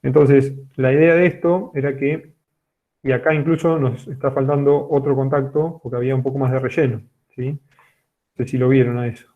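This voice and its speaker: A man's voice: medium pitch, fairly even intonation, normal speed. A man teaching a geology class online, explaining step by step and checking in often with a questioning "sí". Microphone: computer microphone on a video call. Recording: tinny phone-like online call audio.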